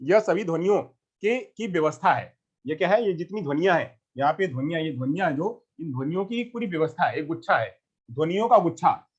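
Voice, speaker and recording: A man's voice: on the high side, expressive, fairly quick, breathy edge. A male teacher giving a lecture, asking questions and answering them himself, with lots of repetition. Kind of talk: classroom lecture. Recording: lo-fi muffled recording.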